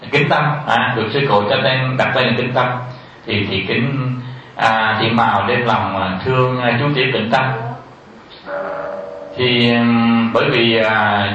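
A man's voice: mid-range voice, bright, forceful tone. Buddhist teacher guy telling a story at a temple, lots of ums, questions to the crowd, dull muffled sound, faint hiss. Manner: halting, many filler sounds, asks the audience questions. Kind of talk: storytelling dharma talk. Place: temple hall in the US. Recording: very echoey hall, far from the mic, dull sound.

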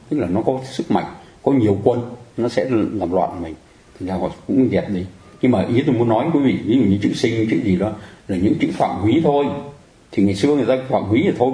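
A man's voice: on the low side, dark tone, echoey room, low-quality recording. A man giving a Buddhist dharma talk in a conversational way, often turning to the audience with questions to check they agree. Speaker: Buddhist teacher.

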